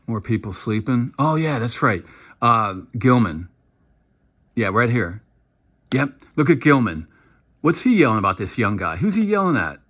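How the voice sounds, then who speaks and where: A man giving casual, animated commentary while breaking down football game film, now and then acting out what the players shout. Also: medium pitch, moderate pace, pauses often. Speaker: football analyst.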